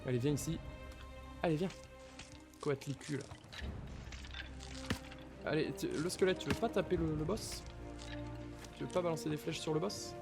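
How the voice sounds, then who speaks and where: A man's voice: a little high, moderate pace, vocal fry, pauses often, music in the background. A man giving casual commentary on his Minecraft playthrough, talking to the mobs and to viewers, repeating nervous exclamations in tense moments. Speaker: gaming YouTuber.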